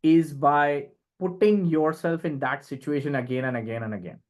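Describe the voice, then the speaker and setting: As a guest on a podcast, a middle-aged communication and leadership expert with an Indian accent talks conversationally, stressing points emphatically and dropping in frequent short tag questions. His voice runs on the high side at a moderate pace.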